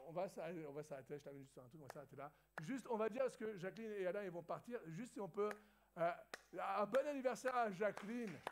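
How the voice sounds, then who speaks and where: A man from France, a pastor, telling a lively anecdote in a sermon to his church, acting out the dialogue and laughing as he goes. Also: sits high. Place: church hall.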